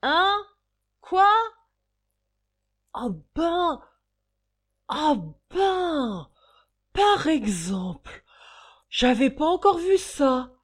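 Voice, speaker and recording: A woman voicing a scandalized male café waiter who bursts out in loud, high exclamations. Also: sing-song, extremely slow, long pauses, full character voice. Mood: astonished.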